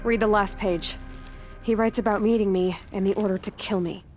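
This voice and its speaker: A woman's voice: medium pitch, fairly even intonation, moderate pace, a little mellow, lightly acted. Aloy, a woman voicing a blunt young huntress. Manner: terse, direct, self-reliant. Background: game music.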